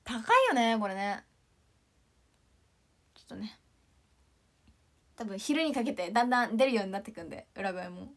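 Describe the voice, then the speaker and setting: A woman in her twenties from Ishikawa, chatting casually on a morning livestream, her voice not yet warmed up and straining on high notes, thinking aloud and trailing off softly. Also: animated, normal speed, pauses often. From Ishikawa, Japan. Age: 20s.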